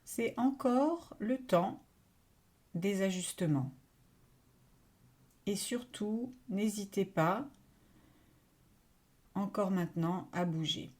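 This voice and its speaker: In short phrases broken up by long pauses, a woman with a medium-pitched voice guides listeners through a yoga nidra relaxation meditation, keeping her manner calm and soothing.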